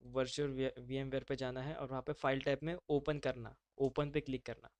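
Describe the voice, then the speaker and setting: A man's voice: medium pitch, level tone, brisk, darkish tone, no echo. Casual man teaching a live online class. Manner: casual, brotherly, mixes English terms into speech.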